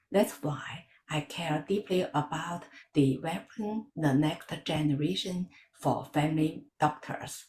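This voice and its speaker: Slow, earnest woman in an echoey room. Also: on the low side, dark tone. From China. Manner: measured, earnest delivery. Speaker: election candidate. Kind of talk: prepared campaign speech.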